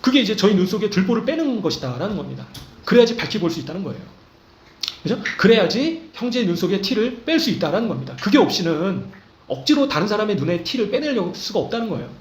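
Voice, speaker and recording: A man's voice: high voice, big pitch swings, quick pace, reverberant, slight background noise. A man preaching a sermon as pastor, emphatic, checking in with listeners often and acting out confessions in quoted prayers.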